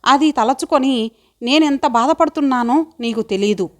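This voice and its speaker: A woman's voice: high voice, moderate pace, natural voice. Woman reading as an affectionate young woman friend. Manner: affectionate, coaxing. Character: warm caring young woman, loyal friend.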